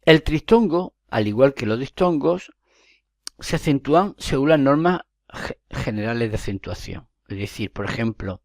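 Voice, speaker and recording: Male teacher, mid-pitched, dry close sound, patient step-by-step explanations with quick check-ins. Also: lively intonation, no room sound. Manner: explains step by step, with checking asides and self-corrections. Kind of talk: spoken grammar lesson.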